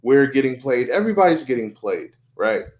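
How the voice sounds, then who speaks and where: A man's voice: medium pitch, big pitch swings, fairly quick, a little mellow. A man hosting a casual podcast chat, talking earnestly, repeating and restarting phrases and swearing freely.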